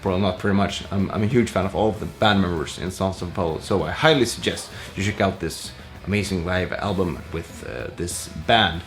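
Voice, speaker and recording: Guy musician chatting thru a q&a, loose and rambly, lower voice. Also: a little fast, hardly any pauses, soft background music. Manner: relaxed, rambling with many fillers. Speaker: musician answering viewer questions. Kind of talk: casual Q&A vlog.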